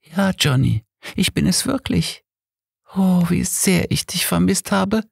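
A man's voice: high-pitched, animated, slow, gravelly, husky, no echo, clean studio sound, voice pushed up, full character voice. A man voicing the ghost of a dead wife who coaxes and pleads seductively.

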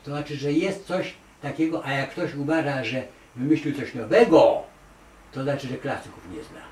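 A man's voice: mid-range voice, normal speed, darkish tone. Emphatic man, far off in an echoey room. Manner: emphatic, digressive, with many hesitations and repeated "nie". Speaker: artist interviewed as award laureate. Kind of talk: conversational interview answers. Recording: echoey room, distant mic, faint noise.

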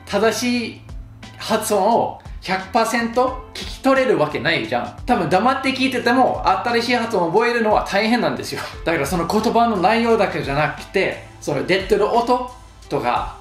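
A man's voice: high voice, sing-song, normal speed. A man giving casual pronunciation tips to camera in a chatty, joking, mildly exasperated way. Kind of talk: casual vlog talk to camera. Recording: roomy echo with faint music.

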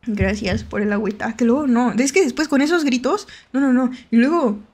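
A woman's voice: fairly high pitch, brisk, darkish tone, slightly rough. A young Mexican woman with a Mexican accent, a VTuber chatting playfully with her viewers while playing a horror game. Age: young adult. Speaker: VTuber streamer. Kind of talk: live horror game stream with chat.

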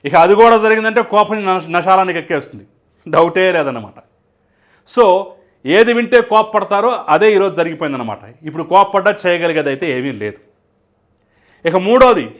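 A man's voice: sits high, a bit bright. A man delivering solo political commentary, emphatic and full of rhetorical questions.

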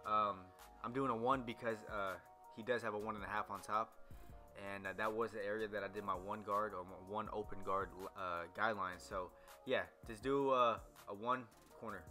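A man's voice: lowish voice, fairly even intonation, moderate pace, pushed and bright, soft background music. A young man, a barber, talking loosely through a haircut tutorial with lots of ums and restarts. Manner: loose, rambling, many fillers. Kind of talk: casual voice-over tutorial.

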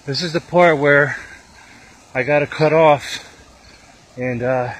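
Slow-talking breathless man outdoors. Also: fairly high pitch. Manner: chatty, talking to viewers while hiking. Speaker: vlogger. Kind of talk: outdoor exploring vlog. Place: outdoors on a rough trail. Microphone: handheld camera mic.

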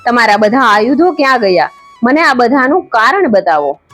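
A woman's voice: fairly high pitch, big pitch swings, moderate pace, a bit bright, faint music behind. Grieving male charioteer, anxious and devoted, a woman narrator reads him, storybook telling. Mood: distraught.

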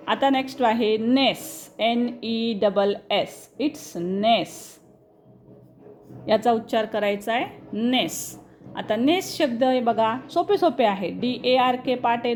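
Slow-spelling woman teaching reading. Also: fairly high pitch, darkish tone. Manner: spells letters slowly, then explains in quick bursts; addresses students directly, checking understanding. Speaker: English teacher.

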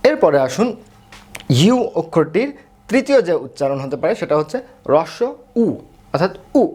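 A man with a Bangladeshi accent leads a pronunciation lesson, drilling example words one by one and repeating them with emphasis. His voice is very lively, swinging widely in pitch as he stresses each sound. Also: normal speed. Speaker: English pronunciation teacher.

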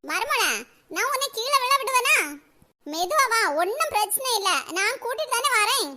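A woman voicing an older village mother-in-law in a comedy cartoon, with a Kanyakumari Tamil accent and a shrill, squeaky voice. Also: lively intonation, normal speed, sharp tone, heavily acted. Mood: coaxing. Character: scheming old mother-in-law turned loving, village woman.

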